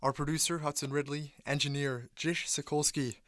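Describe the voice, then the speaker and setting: Slightly high-voiced male radio sportscaster, dry sound. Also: flat delivery, normal speed, a bit bright, no echo. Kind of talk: broadcast wrap-up and handoff.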